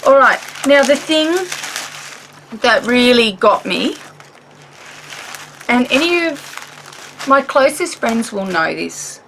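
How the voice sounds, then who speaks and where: Australian woman craft vlogger, high-ish voice, rambling and lively, faint hiss behind. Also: takes it slowly, pauses often, poor audio. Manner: animated, rambling, laughs often. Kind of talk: chatty show-and-tell vlog.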